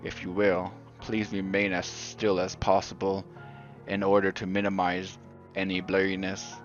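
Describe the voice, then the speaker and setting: A man reads a tall, bearded photographer with a German accent, formal and polite in every word. The voice sits deep and even, unhurried. The audio is dull and lo-fi, with faint music underneath. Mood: instructive.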